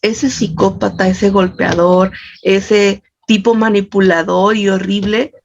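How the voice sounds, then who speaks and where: A woman's voice: mid-range voice, steady tone, takes it slowly, creaky, slight background noise. A Mexican woman psychologist explaining in an interview, with a Mexican accent, speaking intensely and stressing points through repetition. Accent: Mexican Spanish. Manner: intense, emphatic, builds with repetition. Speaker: psychologist and feminist activist, interview guest. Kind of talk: earnest explanatory interview answers. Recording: dull lo-fi audio.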